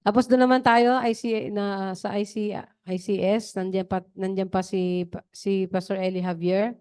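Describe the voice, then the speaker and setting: A woman's voice: mid-range voice, fairly even intonation, moderate pace, a little mellow, smooth. A woman preacher giving a chatty, digressive testimony during a worship service.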